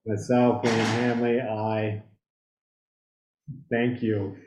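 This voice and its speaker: Play it as an unhurried man chairing a town board. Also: on the low side, flat delivery, a little mellow. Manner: slow, procedural, calls roll votes. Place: town meeting room. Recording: echoey room with background noise.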